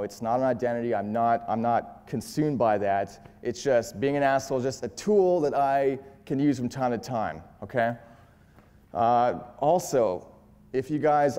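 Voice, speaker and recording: A man with a mellow, dark voice gives a casual seminar as a dating coach, blunt and full of profanity as he tells his stories. The sound carries a long reverb tail, as if recorded in a large room. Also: mid-range voice, clear, resonant tone.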